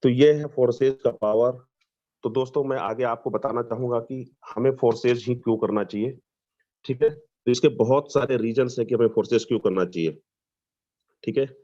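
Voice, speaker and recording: A man from Lucknow, giving an enthusiastic sales pitch on a video call and mixing in English phrases. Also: normal speed, dark tone. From Lucknow, Uttar Pradesh, India. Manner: enthusiastic, persuasive, mixes English phrases, repeats "dost". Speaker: webinar presenter. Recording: dull lo-fi video call audio.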